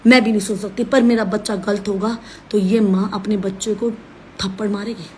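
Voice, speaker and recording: A woman's voice: mid-range voice, steady tone, normal speed, warm tone, a little hiss or hum. A woman ranting on a live stream from her phone, scolding and accusing in an insistent way. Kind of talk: heated live-stream rant.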